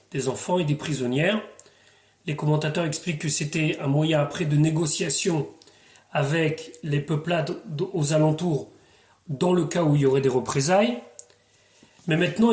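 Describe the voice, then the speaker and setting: A man's voice: a little high, a little mellow, reverberant. A man, a rabbi, teaching the weekly Torah portion verse by verse, reading Hebrew phrases and then translating and explaining them.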